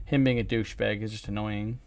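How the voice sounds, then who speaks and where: A young man casually commentating his gameplay as a streamer, excitable, swearing freely and thinking out loud. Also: on the low side, a little fast, no echo.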